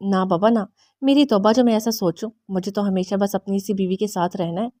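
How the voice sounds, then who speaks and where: A woman's voice: mid-range voice, steady tone, mellow, no room sound, studio quality, natural voice. A woman reading the lines of a playful young husband who teases his wife. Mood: teasing. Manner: mischievous, bantering.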